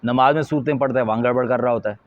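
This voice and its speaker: A man, a Quran teacher from Pakistan, explains pronunciation mistakes to teachers in an earnest, deliberate instructional talk. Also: mid-range voice, steady tone. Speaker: Quran teacher and madrasa supervisor. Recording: slightly dull lo-fi audio.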